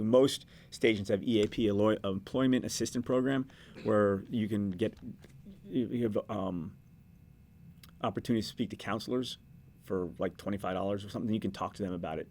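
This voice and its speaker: A middle-aged man talks quickly in a casual, conversational way, often restarting his sentences. His voice sits fairly low, and he sounds like a news director passing on advice to students. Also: steady tone, darkish tone, slight background noise.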